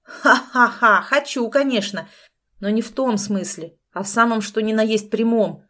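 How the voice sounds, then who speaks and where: A woman's voice: on the high side, moderate pace, close to an everyday voice. A woman putting on a smug, gloating male crook. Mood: gloating menace. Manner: mocking, gloating, casually threatening. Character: smug, menacing middle-aged male crook. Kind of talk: audiobook character reading.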